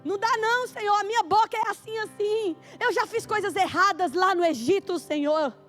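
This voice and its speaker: A woman's voice: very high-pitched, moderate pace, fairly bright tone, faint music behind. A woman voicing Moses as a reluctant, humble man, pleading and hesitant.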